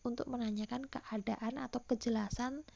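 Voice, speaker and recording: Lady teacher explaining stuff to kids in an online class, kinda high, gravelly voice. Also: fairly even intonation, normal speed, darkish tone, lo-fi sound. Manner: patient explaining, reads example questions aloud. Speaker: primary school teacher. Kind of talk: recorded online class lesson.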